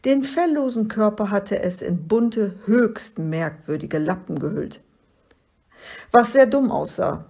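A woman reading a children's story aloud in a calm, expressive way. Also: mid-range voice, takes it slowly, gravelly, slightly rough. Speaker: reader.

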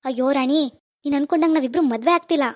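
A woman's voice: high voice, steady tone, quick pace, pitched below the performer's own voice, natural voice. A woman voicing a young husband in a cartoon, earnest, pleading and insistent. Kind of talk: animated cartoon dialogue.

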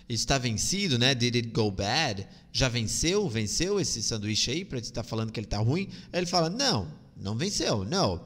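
A man's voice: mid-range voice, fairly bright tone, long reverb tail. A Brazilian man teaching English in a live online lesson, patiently repeating phrases and drilling pronunciation with a Brazilian Portuguese accent.

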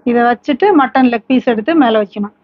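A woman hosting a home cooking channel, calmly walking through each step and ingredient. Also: on the high side, quick pace, no room sound, dull audio. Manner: calm, instructive, listing ingredients steadily. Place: home kitchen.

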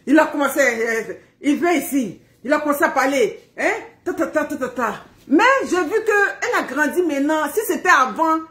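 A middle-aged woman hosting a live stream from home, chatting casually to her viewers, animated and laughing as she acts out family quarrels. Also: sits high, moderate pace, few pauses, reverberant. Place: at home, indoors.

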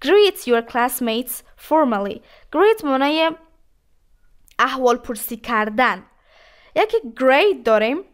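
A woman teaching an English lesson, reading English phrases slowly and then explaining each one. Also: sits high, big pitch swings, clear, resonant tone. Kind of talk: language lesson.

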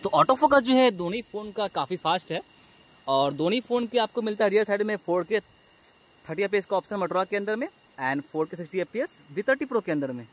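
A man's voice: high voice, animated, fairly quick, a bit bright. A man giving a casual on-the-spot demo outdoors as a tech reviewer, recorded on a phone's built-in microphone. He announces each step as he works the phones.

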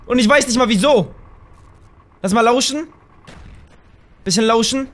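High, bright, excitable gamer man. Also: a little slow. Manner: excitable, bursts into loud shouts and exclamations; chatty, talks straight to viewers. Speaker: gaming channel host. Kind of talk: let's play gameplay commentary.

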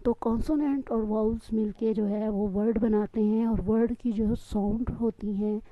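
A woman's voice: fairly high pitch, fairly even intonation, moderate pace, no room sound. Woman teacher, patient step-by-step explainer, close dry sound, a bit dull. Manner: explains patiently, mixing Hindustani and English, checks with "theek hai ji". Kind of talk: classroom lesson explanation. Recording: dull lo-fi recording.

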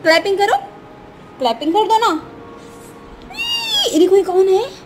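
A woman with a very high but darkish voice speaks at a measured pace while vlogging casually at home, soft music playing behind her. She coos in sing-song baby talk to a little girl, her niece, and describes her day.

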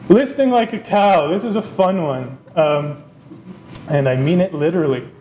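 A middle-aged man who is dean of a business school gives an animated, conversational keynote from a wooden podium in an indoor lecture room, gesturing with both hands and often adding "right?". His voice is a little high at a moderate pace, picked up by a podium microphone with roomy lecture-room sound and faint background noise.

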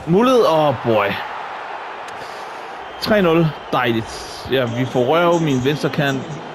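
Excitable man reacting to a football game. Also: a little high, noisy background. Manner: excitable, frequent exclamations. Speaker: gaming YouTuber.

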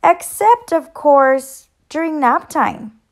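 A woman voicing a cheerful little female yellow bird who teaches, in a storybook read-aloud, with a bright, chirpy, enthusiastic delivery. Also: high-pitched, animated, slow pace, creaky, pitched above the performer's own voice, heavily acted.

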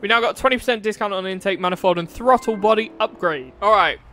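High-voiced British man streaming a racing game. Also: fast, bright, forceful tone. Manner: chatty and crude, swearing and laughing at his own jokes. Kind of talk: live-stream commentary while playing. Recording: racing game engine noise behind voice. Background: car engine sounds from the game.

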